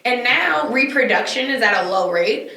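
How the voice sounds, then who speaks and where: Co-host, woman, bright forceful voice, opinionated, echoey room. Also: on the high side, expressive, moderate pace. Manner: opinionated, rhetorical questions. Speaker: podcast co-host. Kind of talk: casual discussion.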